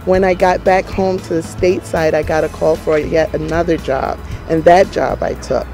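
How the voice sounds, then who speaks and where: A woman from the United States giving an earnest, deliberate testimony in an interview outdoors. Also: low voice, steady tone, vocal fry, warm tone, faint music behind. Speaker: church visitor giving testimony.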